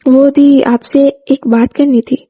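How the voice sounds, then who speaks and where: A woman's voice: high voice, level tone, takes it slowly, dark tone. Woman voicing a friendly, affectionate young woman. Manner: friendly, polite.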